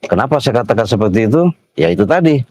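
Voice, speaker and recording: A middle-aged man narrating a livestream in a slow, repetitive manner. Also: mid-range voice, animated, creaky, darkish tone, breathy edge, no echo. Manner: slow, repetitive, tags sentences with "ya". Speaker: vlogger livestreaming.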